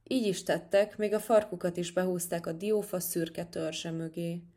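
A woman narrates a children's animal tale at a calm, gentle pace. Her voice sits a little low for a woman and stays even and friendly. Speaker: storyteller. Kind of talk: reading a children's story aloud.

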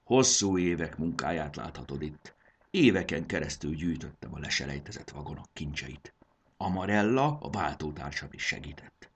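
A man playing a proud, kindly middle-aged train conductor in a children's story, explaining things warmly. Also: a bass voice, expressive, slightly rough, exaggerated voice.

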